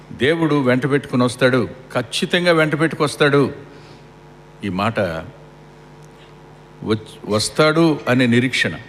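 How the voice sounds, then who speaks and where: Man preaching a funeral sermon in a hall. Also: medium pitch. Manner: asks the crowd rhetorical questions and repeats for emphasis. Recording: long hall reverb with faint air-conditioning hum.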